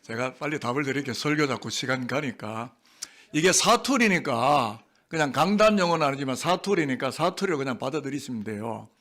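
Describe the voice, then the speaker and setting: A man's voice: medium pitch, expressive, brisk, fairly bright tone. A male senior pastor giving a sermon in a church sanctuary, playful and quizzing the congregation.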